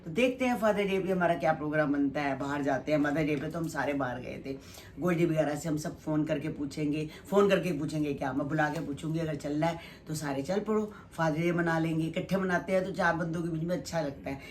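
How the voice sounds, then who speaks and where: This family vlogger, a middle-aged mother, rambles through a casual cooking chat with her viewers as she works in her kitchen at home. She speaks fairly quickly in a low, darkish voice, and there's a faint hiss or hum in the background.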